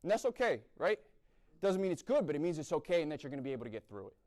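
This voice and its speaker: A young man from the American East Coast races through a blunt, sermon-style talk at a university chapel event, regularly asking "right?". His voice sits a little high, sing-song, with a darkish tone.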